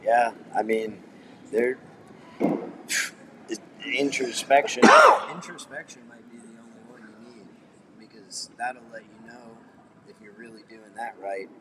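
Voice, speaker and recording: A man co-hosting a casual chat and relaying viewer comments in a halting way. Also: medium pitch, steady tone, crowd noise. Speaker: co-host reading viewer comments. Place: coffee house. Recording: distant mic, noisy coffee house.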